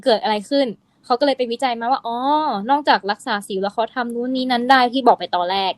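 A woman co-hosting a podcast, explaining skincare in an animated, teasing chat style. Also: a little high, fast. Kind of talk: casual chat.

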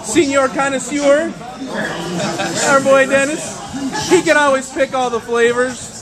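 A man's voice: very high-pitched, steady tone, a little slow. A man hosting and filming a casual meetup in a crowded bar, joking and teasing his friends, recorded on a handheld camera mic. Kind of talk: casual handheld vlog banter. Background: loud crowd and music.

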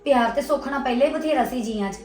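A woman's voice: high-pitched, quick pace, a little mellow, lightly acted. An actress playing a grateful young mother chatting with her mother-in-law. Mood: cheerful. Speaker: actor. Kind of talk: family drama acting. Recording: echoey room, mic at a distance.

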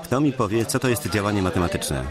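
A man's voice: on the low side, fast talker, crowd noise. Man reading a film voice-over. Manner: reads every character's lines in one steady voice. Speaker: voice-over reader.

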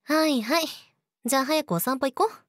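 A woman's voice: high voice, brisk, dry recording, studio quality, close to an everyday voice. A woman playing a sweet but eerily obsessive, jealous young girlfriend in a teasing audio drama spoken to the listener. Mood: teasing, menacing. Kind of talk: Japanese situation voice audio drama, addressed to the listener.

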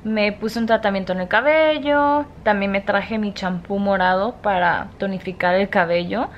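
A young woman with a Mexican Spanish accent chats casually to her vlog camera at night, relaxed and unhurried. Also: mid-range voice, dull audio, slight background noise. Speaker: vlogger.

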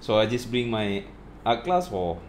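Low-pitched man gaming. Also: very animated, normal speed. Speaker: gamer playing online co-op. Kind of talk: casual gaming chat. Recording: faint background noise.

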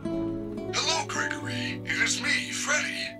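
A man voicing a gentle, caring male animatronic bear robot in a video game, speaking in a polite, formal and reassuring way. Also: very high voice, very animated, slow pace, full character voice. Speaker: game character. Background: game music.

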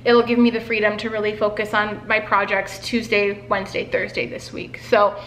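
This time the twenty-something artist speaks at normal speed with a medium-pitched, level, somewhat bright voice. She chats casually to her stand-mounted camera indoors at home, moving between living room and kitchen, filling in with fillers and gesturing busily. There's room echo and a little hiss or hum.

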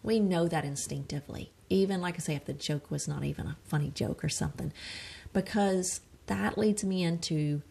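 A woman with a lowish, husky voice and a touch of gravel talks through a wellness webinar. Her delivery is chatty and earnest, full of asides and restarts. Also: normal speed, warm tone. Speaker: occupational therapist presenting a wellness webinar. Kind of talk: unscripted webinar presentation.

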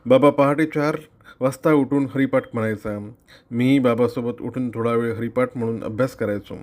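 A middle-aged man from Maharashtra reading a friend's essay aloud at home, earnest and reflective, with measured pacing and occasional slips. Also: mid-range voice, steady tone, darkish tone. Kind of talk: read-aloud narration.

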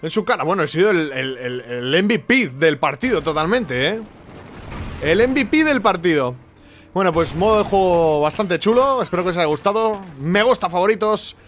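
A young man from commentating his own gameplay, excitable, with sudden shouting bursts and repeated words. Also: high-pitched, a little fast, hardly any pauses, slight background noise. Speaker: gaming YouTuber.

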